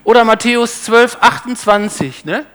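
A man with a high voice delivers a sermon from the pulpit. He asks the congregation rhetorical questions and drops into low, muttered asides between his emphatic lines. His high register carries his strongest points. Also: moderate pace, a bit bright. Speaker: preacher.

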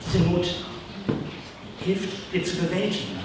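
A man preaches with earnest emphasis, slowing down to repeat his key lines. His fairly high voice rings through a very echoey hall. He sounds set back from the microphone, as if caught by a room mic in a church. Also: sing-song, background noise. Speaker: pastor. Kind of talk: sermon. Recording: echoey distant hall recording.

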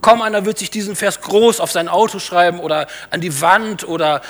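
A man preaching a sermon. He speaks emphatically, uses rhetorical questions and tags many sentences with a quick "ne?". He swings between raised, stressed phrases and quieter asides. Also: sits high.

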